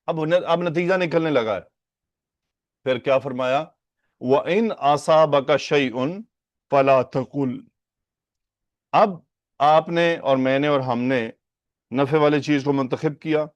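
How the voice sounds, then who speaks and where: A man delivers a patient religious lesson, repeating each phrase and asking rhetorical questions as he explains it. His voice sits at an ordinary middle pitch. The recording is dry and a little dull. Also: no room sound. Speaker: hadith teacher. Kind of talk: Urdu lesson on Arabic hadith grammar.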